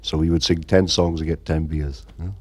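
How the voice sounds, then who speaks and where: A rumbling low voice with flat delivery and a brisk pace belongs to a middle-aged frontman from Ireland. In this casual interview he rambles, dropping "you know" constantly.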